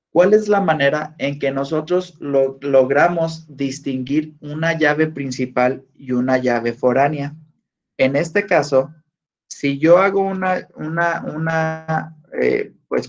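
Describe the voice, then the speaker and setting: A man's voice: mid-range voice, gravelly. A male teacher giving a lesson and questioning his students. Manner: slow, deliberate, asks students questions. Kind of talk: online class lecture. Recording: dull lo-fi audio.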